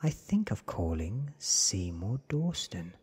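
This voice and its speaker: A man in his thirties reads a novel aloud in a breathy ASMR whisper, hushed and deliberate, in short measured phrases. His voice is fairly low yet very animated, and he's close to a studio microphone that is visible.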